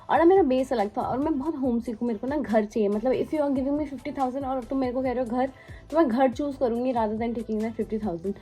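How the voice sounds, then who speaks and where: A young cabin crew member tells a story in a chatty, casual way, mixing English words into her Hindi and using many fillers. Her voice is fairly high and slightly rough, with soft music faintly in the background.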